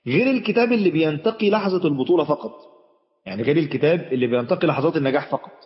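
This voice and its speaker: In a large hall, a sheikh with an Egyptian Arabic accent gives a chatty Islamic lesson, talking directly to his audience. His voice is on the high side, animated, and very fast, and he frequently restarts his sentences. The recording has its highs cut off.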